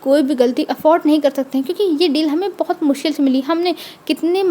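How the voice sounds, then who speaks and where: A serious businessman who urges care over a hard-won deal, as a woman narrator puts him on. His voice is pitched high and read plainly. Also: fast talker, dark tone, close to an everyday voice. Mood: earnest. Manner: earnest, cautious. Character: serious older brother business partner.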